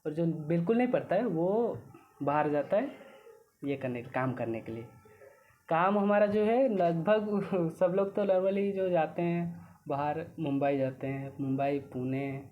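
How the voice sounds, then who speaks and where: A young man from Odisha, a student guest, talking casually and haltingly, often restarting his sentences. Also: on the high side, expressive. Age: young adult. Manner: hesitant, restarts often, mixes in English words. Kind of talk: casual conversation. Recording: phone-like lo-fi audio with faint noise.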